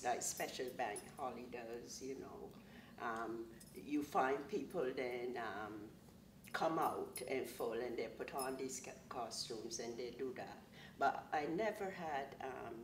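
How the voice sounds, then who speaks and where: A woman in her sixties from Barbados talks about her dancing in a deep, slow voice. She stops to think and search for words. The sound is distant and roomy, with a steady hiss underneath. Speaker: quadrille dancer. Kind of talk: interview answers. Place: small studio with plain backdrop.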